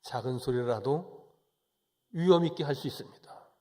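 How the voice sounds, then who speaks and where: A male pastor giving a Sunday sermon, moving from calm, chatty explanation to forceful, raised exhortation. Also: mid-range voice, normal speed.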